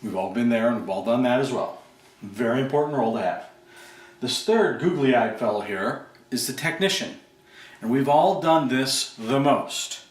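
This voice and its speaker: A man's voice: mid-range voice, lively intonation, moderate pace. A man, a business coach, giving an emphatic instructional talk with rhetorical questions. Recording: roomy, distant mic.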